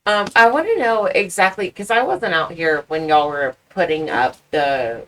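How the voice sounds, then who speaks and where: A woman's voice: on the low side, animated, moderate pace, a bit bright. A woman interviewing in a casual, chatty and agreeable way. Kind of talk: casual chat.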